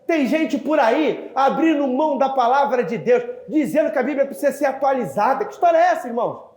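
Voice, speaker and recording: A male pastor preaching a sermon, telling a story with animated acted-out dialogue and often addressing the congregation as dear ones. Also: very high voice, brisk, reverberant. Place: church.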